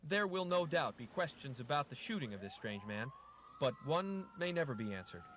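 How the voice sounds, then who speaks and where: An American man reading scripted television news narration as a reporter, in a measured, formal broadcast delivery. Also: fairly high pitch, big pitch swings, a bit bright. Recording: noisy 1980s TV news tape, street noise.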